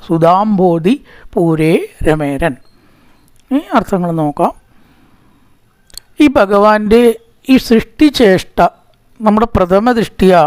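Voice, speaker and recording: A man, teaching verse recitation patiently. He breaks words apart and chants the verse lines slowly. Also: sits high, darkish tone, smooth, no room sound. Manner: patient, repeats syllables slowly to correct pronunciation.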